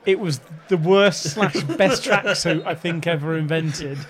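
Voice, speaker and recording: A man's voice: a little high, measured pace. A man chatting while watching football, rambling and tripping over his words. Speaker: co-host watching a match. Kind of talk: casual watch-along chat.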